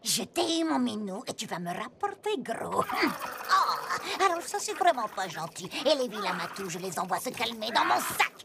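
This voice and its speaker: A woman voicing a scheming female cat thief in a dubbed cartoon, gloating and theatrical with a gravelly edge. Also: mid-range voice, big pitch swings, moderate pace, heavy background noise. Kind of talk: French cartoon dub. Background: loud music.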